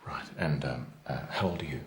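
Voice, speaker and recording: An actor playing a curious private investigator in a scripted drama for learners, hesitant and full of ums and uhs. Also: male voice, very deep voice, brisk, slight background noise.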